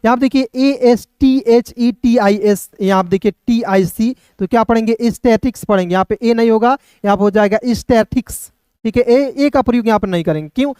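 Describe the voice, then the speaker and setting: A male teacher giving a pronunciation lesson, spelling out words slowly and checking often that students follow. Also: extremely high pitch, darkish tone, no room sound, clean studio sound. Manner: repeats words slowly, often says "dosto" and "clear hai". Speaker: English teacher.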